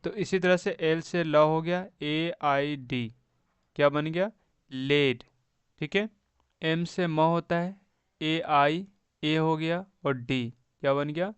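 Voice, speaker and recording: A man's fairly high, smooth voice comes through without echo as he slowly teaches beginners to read English. In this phonics lesson he spells words letter by letter and often says a friendly "thik hai," meaning okay.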